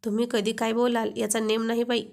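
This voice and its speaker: A woman's voice: on the high side, monotone, fairly quick, vocal fry, darkish tone. A woman voicing a shy young wife who flares up and gets flustered at her husband's teasing. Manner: coy, flustered.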